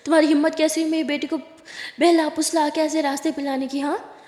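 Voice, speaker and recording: A woman's voice: sits high, flat delivery, fast talker, a little mellow, voice pushed up, lightly acted. A woman voicing a stern, hostile middle-aged father who talks brusquely and accuses. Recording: echoey room, long reverb.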